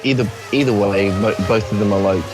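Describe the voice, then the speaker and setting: A man's voice: on the low side, brisk. A man co-commentating a sim race, laid-back, teasing and sweary. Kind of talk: casual sim-racing commentary. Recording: music playing behind.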